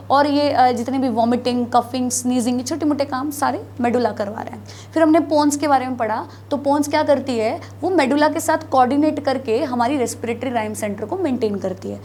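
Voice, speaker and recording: High-voiced woman teaching biology. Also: darkish tone, a little hiss or hum. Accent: North Indian Hindi. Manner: explains with gestures, asks and answers her own questions; mixes Hindi with English terms. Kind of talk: classroom lecture.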